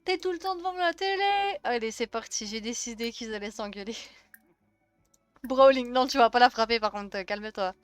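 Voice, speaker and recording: Femme bavarde au timbre aigu. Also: female voice, on the high side, normal speed, no room sound, soft background music. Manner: chatty, laughs often, teasing the game characters. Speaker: streamer. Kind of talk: casual let's-play commentary.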